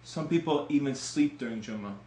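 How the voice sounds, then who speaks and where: Lively young man, echoey room. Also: mid-range voice, fairly quick. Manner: playful, lively delivery. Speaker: comedy sketch host. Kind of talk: comedic sketch with tips.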